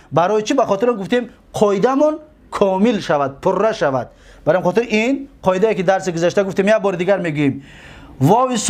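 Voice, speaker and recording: A man whose first language is Tajik, teaching Arabic verb forms, who repeats each word slowly and asks and answers his own questions. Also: high voice. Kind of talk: classroom grammar lesson.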